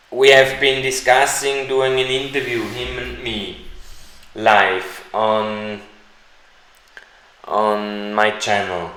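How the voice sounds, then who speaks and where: Slow-talking man on a live stream. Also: lowish voice, bright, forceful tone. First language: not English. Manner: slow, deliberate, halting speech. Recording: echoey room.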